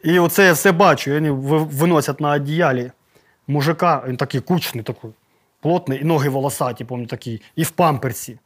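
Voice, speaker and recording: A man's voice: on the high side, fast talker. A man telling a story to a podcast host in a casual, slangy way, acting out sounds and swearing now and then. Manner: vivid, slangy retelling with sound effects and swearing. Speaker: podcast guest.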